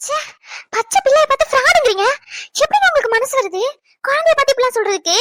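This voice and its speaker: A woman's voice: big pitch swings, fast talker, bright, forceful tone, heavily acted. A woman voicing a young wife in a cartoon comedy, scolding her husband shrilly and cooing over her baby. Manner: indignant, shrill scolding; coos baby talk.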